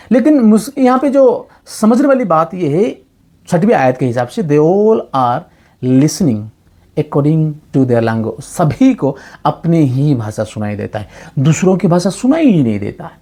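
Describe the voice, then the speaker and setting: A man whose first language is Odia argues a point of Bible teaching. His pitch swings widely as he presses his case with rhetorical questions, dropping in English phrases along the way. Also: warm tone. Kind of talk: argumentative Bible talk.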